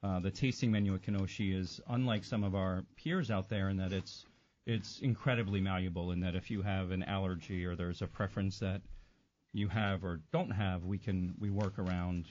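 A man who runs restaurant operations speaks as an easygoing, self-deprecating radio guest. His voice is very low. The audio is slightly dull with faint noise behind it. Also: steady tone, moderate pace, darkish tone. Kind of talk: casual radio interview.

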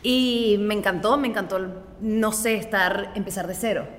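A Venezuelan-accented woman in her late twenties talks as an interview guest, loose and chatty with plenty of filler words. Her voice sits at an ordinary middle pitch. A long reverb trails behind her. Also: moderate pace. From Maracaibo, Venezuela. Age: late 20s. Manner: chatty, leans on "o sea, como que" fillers. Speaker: guest, blogger. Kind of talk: casual interview chat.

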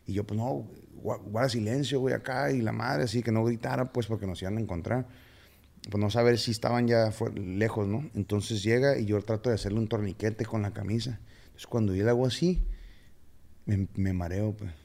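A man with a Mexican accent, a podcast guest telling his story in casual slang with halting fillers. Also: fairly low pitch, steady tone, gravelly, darkish tone.

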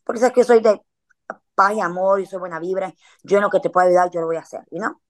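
A woman's voice: mid-range voice, steady tone, fast. A woman, chatting casually as a podcast guest and telling a story in a slangy way, with frequent filler words.

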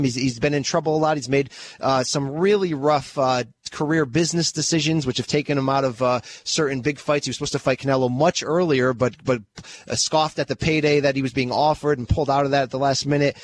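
A man co-hosting a sports podcast in casual chat, an energetic analyst talking fluently with occasional restarts. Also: medium pitch, quick pace. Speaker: podcast co-host.

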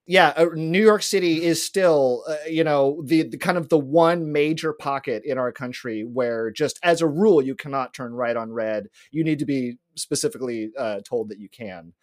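A man co-hosting a podcast presents a trivia segment, lecturing and explaining it in detail in a casual, rambling way full of fillers and restarts. His mid-range voice moves at a moderate pace with hardly any pauses. The studio sound is clean, with no room sound.

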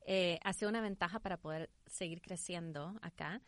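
A woman answering as an interview guest, informal and animated, restarting her thoughts and acting out little quotes of herself. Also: lowish voice, brisk, dry recording. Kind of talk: conversational interview.

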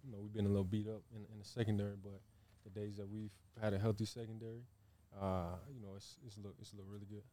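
Flat, mellow-voiced man chatting. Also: lowish voice, fast, hardly any pauses. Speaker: football player guest. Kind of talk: casual podcast chat.

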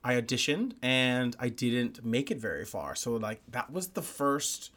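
A man's voice: mid-range voice, unhurried. Chatty man from the Bahamas. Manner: animated, chatty, frequent "like" and "you know what I'm saying". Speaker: guest. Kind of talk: casual interview chat. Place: theater basement.

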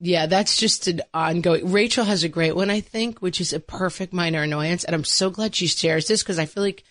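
A woman's voice: on the low side, moderate pace, a bit bright, no echo, studio quality. A woman co-hosting a podcast in casual, chatty conversation. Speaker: podcast co-host. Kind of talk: casual chat.

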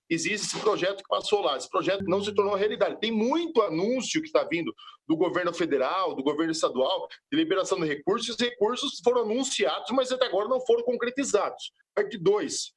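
A councilman lays out his argument in an explanatory, emphatic way. His voice is fairly high and somewhat husky. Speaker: city councilman. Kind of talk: council speech.

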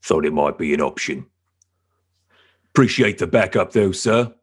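Low husky guy, respectful player, sir this sir that. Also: lively intonation, moderate pace. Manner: deferential, says "sir" often. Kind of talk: in-character tabletop play.

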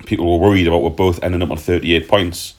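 A podcast host runs a casual football show, reading listener questions aloud and answering them in a chatty, loose style with the odd swear word. He has a low-pitched voice, fairly even intonation, and talks fast.

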